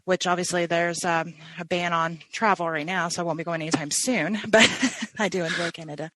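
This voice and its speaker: Bright, chatty woman hosting an interview. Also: on the low side, steady tone, a little fast, no echo, low-quality recording. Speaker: podcast host. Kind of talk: conversational interview.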